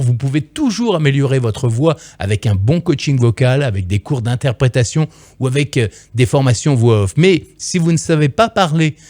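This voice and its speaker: A man's voice: mid-range voice, darkish tone, no echo. A man coaching future voice-over artists in an emphatic, playful direct-to-camera lesson, on a close microphone.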